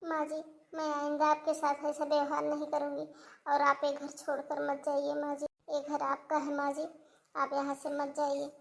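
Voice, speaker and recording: A woman voicing a young, remorseful new daughter-in-law in a cartoon, speaking softly and pleading for forgiveness. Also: high-pitched, monotone, normal speed, gravelly. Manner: soft and pleading, apologetic. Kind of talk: cartoon voice acting.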